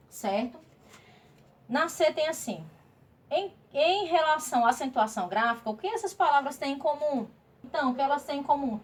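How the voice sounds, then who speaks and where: A woman teaching primary school Portuguese in a remote class, patiently walking through workbook exercises and checking in with the pupils. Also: high voice. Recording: distant mic, faint room noise.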